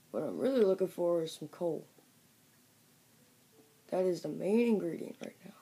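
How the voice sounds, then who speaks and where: Woman, let's play commentary, chatty and joking, excitable outbursts, low pitch, dark tone. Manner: chatty and jokey, talking to viewers. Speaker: gaming video creator. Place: at home.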